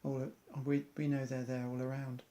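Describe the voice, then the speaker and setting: A man's voice: mid-range voice, monotone, moderate pace, warm tone. A man, an amateur athlete, earnestly reciting an inspirational monologue in loose rhymes.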